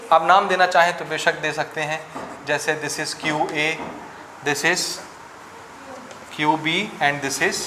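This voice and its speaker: A man teaches physics to a class in a slightly high voice, working numbers out aloud and asking students for answers. The room is echoey, with faint noise behind him. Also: pushed and bright. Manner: asks students questions, works sums aloud. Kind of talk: classroom lecture.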